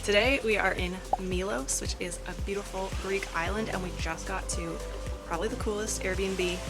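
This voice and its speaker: A woman's voice: mid-range voice, moderate pace. A woman vlogging her travels, gushing enthusiastically through a house tour like an eager real estate agent. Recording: background music. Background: music.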